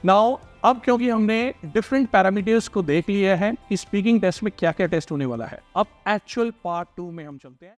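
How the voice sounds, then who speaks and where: High-voiced man teaching exam tips. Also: faint music behind. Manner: explains patiently, often checks with "right?"; slows down to model English words. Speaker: IELTS tutor. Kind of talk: Hindi-English teaching talk.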